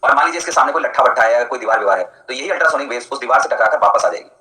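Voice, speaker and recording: A male teacher gives a live online lecture at a brisk pace, keeping it chatty and jokey and stopping to answer students by name. His mid-range voice is bright and forceful with lively intonation. The sound is roomy and the audio poor.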